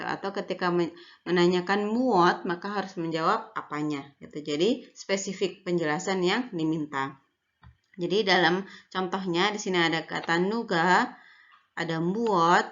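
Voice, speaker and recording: A young woman lecturer giving a recorded online lesson, explaining in a casual way with frequent fillers and tag words. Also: lowish voice. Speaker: university lecturer. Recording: dull lo-fi audio.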